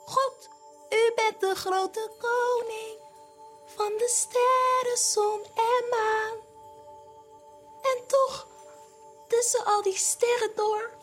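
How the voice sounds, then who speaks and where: A woman's voice: very high-pitched, fairly even intonation, drawn-out words, long pauses, a bit bright, soft background music, voice pushed up, heavily acted. A woman voicing a cheerful young shepherd boy who sings. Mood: singing.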